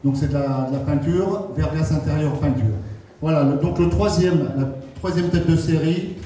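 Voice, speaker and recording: A man runs a tournament draw in a chatty, joking way, breaking off into quick asides. His voice is a little high and mellow. He sounds far from the mic in a very echoey hall with faint room noise. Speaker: draw announcer.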